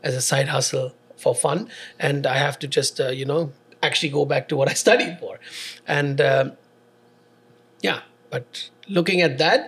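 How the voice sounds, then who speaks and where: A man's voice: mid-range voice, a bit bright, breathy edge. A man, hosting a casual interview chat and mixing into his English. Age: 40s. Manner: fast-talking, switches into Tamil mid-sentence. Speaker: podcast host.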